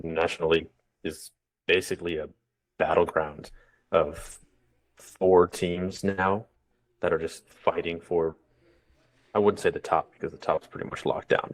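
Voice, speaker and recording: A man's voice: low voice, dry recording. A man co-hosting a casual baseball podcast, giving blunt, easygoing opinions. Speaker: podcast co-host. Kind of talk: casual sports podcast chat.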